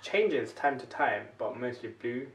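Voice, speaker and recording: A man in his twenties, from South Korea, giving shy, brief, low-key answers in a casual couple chat. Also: expressive, a little slow. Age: 20s. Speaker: guest partner. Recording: roomy echo, mic at a distance, faint noise.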